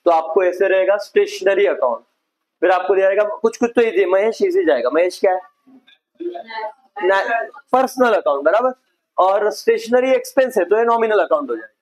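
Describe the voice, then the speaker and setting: A man's voice: high voice, lively intonation, normal speed, low-quality recording. A male accounts teacher giving a classroom lecture, explaining step by step and checking in with his students. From India.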